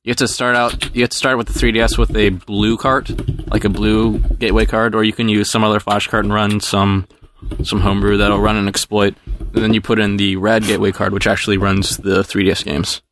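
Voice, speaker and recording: A man hosting a casual podcast, explaining things quickly and teasing the others. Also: lowish voice, flat delivery, a bit bright, a little hiss or hum.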